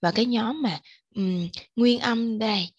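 A husky, gravelly woman tutors one learner in English. She explains each point patiently and step by step, in an encouraging voice that sits on the lower side. The sound is close and dry. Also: measured pace, no echo, muffled recording. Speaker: English teacher.

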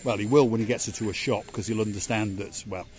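A man's voice: fairly low pitch, steady tone, fast, darkish tone. An older man hosting a casual walking vlog outdoors by a harbour, joking and chatting like a tour guide into a handheld phone. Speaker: vlog host. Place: outdoors by a seaside harbour promenade. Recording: faint outdoor noise.

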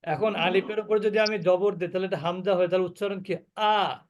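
A man's voice: sits high, little pitch movement, darkish tone. A man teaching a recitation class, asking his students questions and answering them himself, sometimes drawing out words as examples. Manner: drawn-out sung examples. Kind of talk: interactive class lecture with call-and-response questions.

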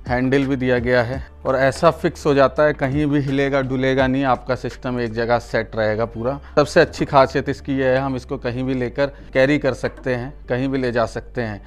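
An Indian man hosts a product unboxing and demo for his channel, walking viewers through it step by step. He repeats his points often and speaks to the audience in a friendly, familiar way. His voice is mid-range with a clean tone.

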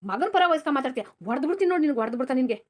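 Woman as a cartoon landlord father, high voice, very fast, scolding, repetitive. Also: expressive. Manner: scolding, repeats phrases. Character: stern rich village landlord father, quick-tempered. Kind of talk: cartoon dubbing.

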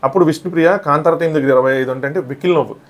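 A man recapping a reality show episode in casual commentary, rushing through events and briefly acting out quoted lines. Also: fairly high pitch.

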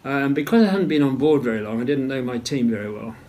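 An older man recalls events at a measured storytelling pace in an interview, often clearing his throat. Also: mid-range voice, expressive, darkish tone, a little hiss or hum. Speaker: retired naval officer interviewee. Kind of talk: interview recollection.

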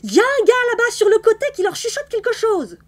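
A woman's voice: high-pitched, very animated, fairly quick, darkish tone. A woman voicing a stern, scornful old witch who speaks bluntly and curtly. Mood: shrill. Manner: blunt, curt.

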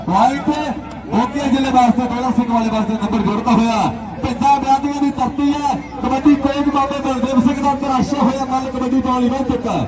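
A man's voice: very high-pitched, steady tone, brisk. A man giving frantic rural sports commentary on kabaddi, chanting names and repeated rhyming phrases. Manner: chanting, repetitive rhyming phrases and lists of players. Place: outdoor village sports ground. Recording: echoey outdoor PA, distant, crowd noise.

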